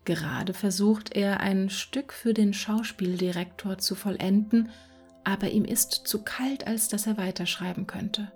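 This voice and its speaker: A woman reading a fairy tale in a soft, hushed whisper. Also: medium pitch, steady tone, a little slow, breathy edge, soft background music. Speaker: storyteller. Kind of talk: whispered storytelling.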